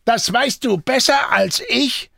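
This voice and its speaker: A man's voice: sits high, wildly swooping pitch, unhurried, a bit bright, no room sound, clean studio sound, voice pushed up, full character voice. A man doing a snarling, furious deserter. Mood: barking. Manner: snarling, barking angry questions. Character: furious male deserter, harsh and bullying.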